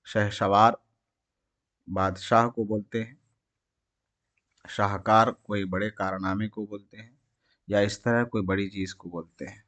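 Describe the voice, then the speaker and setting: A man's voice: on the low side, steady tone, long pauses, a bit bright, dry recording. A man with an Indian Urdu accent, teaching an exam prep lesson. He reads each question and its options aloud, then explains the answer.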